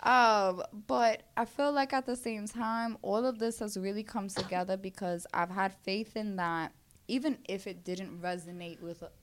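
Female interview guest, Brooklyn accent, mid-pitched, candid and slangy, swears freely. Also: steady tone, normal speed, noisy background. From Brooklyn, New York. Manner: blunt, frequently swearing, slangy. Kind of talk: candid casual conversation.

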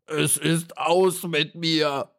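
A man doing a slow, whiny, vain beetle. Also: lowish voice, fairly bright tone. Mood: wailing. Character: vain male dung beetle, cowardly and pompous.

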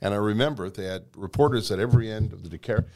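A man hosting a conversational interview, attentive and quick to chime in with agreement. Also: fairly low pitch, a little mellow. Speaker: host.

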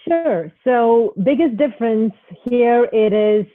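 A startup founder from Kerala with an Indian accent speaks as a podcast guest, answering interview questions casually in a slightly high voice. She goes slowly, hesitating and rephrasing as she talks. The audio is thin and phone-like, completely dry with no room sound.

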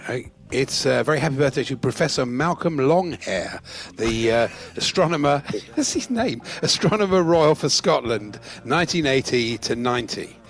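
Male comic co-host, average pitch, creaky voice, casual pun-laden announcements. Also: expressive, moderate pace, few pauses, faint music behind. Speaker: co-host reading out celebrity birthdays.

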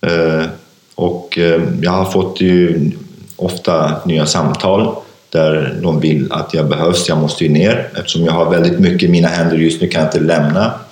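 A man telling his personal story in an interview, speaking haltingly with many fillers and restarts. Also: deep voice, steady tone, darkish tone. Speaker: interview guest, author. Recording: echoey room.

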